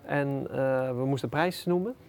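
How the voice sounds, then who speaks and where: A middle-aged man, an entrepreneur being interviewed, telling anecdotes in a relaxed, animated way with plenty of fillers. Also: medium pitch, moderate pace, gravelly. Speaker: entrepreneur guest. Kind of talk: casual storytelling interview.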